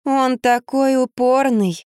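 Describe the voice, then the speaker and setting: A woman voicing an excitable young wife who plays the fool, exclaiming and indignant. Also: sits high, normal speed, no echo, clean studio sound, voice pushed up. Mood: agitated.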